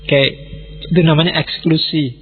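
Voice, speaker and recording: A man's voice: a little high, steady tone, normal speed, a little hiss or hum. A man giving an informal philosophy lecture, talking conversationally and putting questions straight to his listeners. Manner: conversational, mixes in Javanese words, asks listeners directly. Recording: tinny phone-like recording with faint music.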